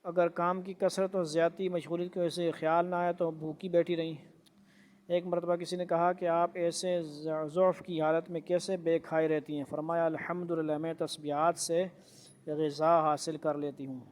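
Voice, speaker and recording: A man's voice: a little high, little pitch movement, a little mellow. A man reading aloud from a religious book and explaining it as a teacher, stopping to ask rhetorical questions. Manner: reads a passage, then asks rhetorical questions and explains.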